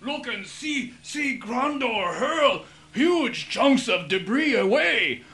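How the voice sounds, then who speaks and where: A man's voice: very high voice, very animated, slow pace, sharp tone, full character voice. A man playing a boastful, childlike, lovestruck strongman superhero in a cartoon, exclaiming in broken, foreign-sounding English. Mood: boastful, excited. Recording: music behind the voice.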